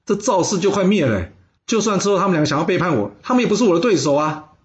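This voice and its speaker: A man's voice: high-pitched, very animated, fast talker, dull audio, pitched above the performer's own voice. A man voicing an overconfident ancient warlord who laughs off every warning in a jovial, brash way. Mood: cocky.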